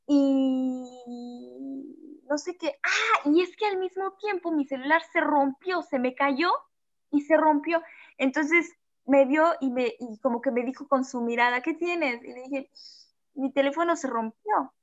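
A woman, a guest telling a story in a casual, animated way and acting out what people said. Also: sits high, a little slow, dull audio. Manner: animated, laughs often, acts out quotes. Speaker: interview guest.

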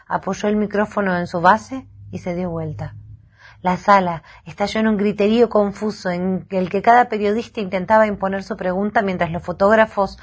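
A woman reading a novel aloud in steady, measured narration. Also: medium pitch. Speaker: audiobook narrator. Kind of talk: scripted narration.

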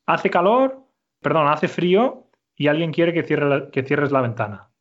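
Male language teacher, patient and clear, a bit high-pitched, muffled recording. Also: big pitch swings. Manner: patient, slow and clear, repeats answers. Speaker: Spanish teacher. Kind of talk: conversational language lesson.

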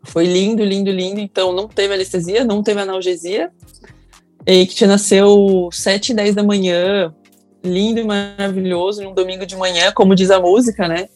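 A woman's voice: mid-range voice, little pitch movement, normal speed, darkish tone, no echo, faint music behind. A young woman with a Brazilian Portuguese accent telling her birth story in casual talk, emotional and acting out the people she quotes. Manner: emotional, acts out quoted people in raised voices.

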